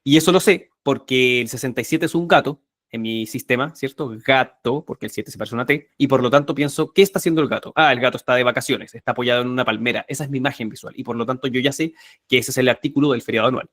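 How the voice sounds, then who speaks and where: Male instructor, live online class, energetic and emphatic, dry close sound, mid-pitched voice. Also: quick pace, dry recording. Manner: energetic, emphatic, repeats key words. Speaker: memory workshop instructor.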